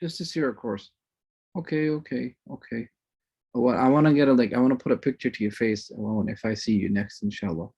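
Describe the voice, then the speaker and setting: A man instructor chatting warmly and rambling a little as he greets students on a video call, sprinkling in religious phrases. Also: mid-range voice, brisk, creaky, breathy edge, lo-fi sound. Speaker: course instructor. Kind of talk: casual chat greeting an online class.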